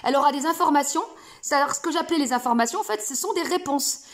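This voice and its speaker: A woman's voice: high-pitched, fast talker. A woman explaining ideas casually to camera at home, playful and rambling with many hesitations. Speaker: self-help video host. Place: home room.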